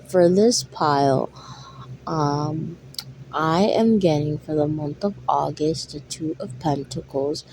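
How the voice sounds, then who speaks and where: A woman's voice: low-pitched, a little mellow, slight background noise, poor audio. A woman giving a tarot card reading to her viewers, talking in a drowsy, yawning way with lots of ums and likes. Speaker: tarot reader.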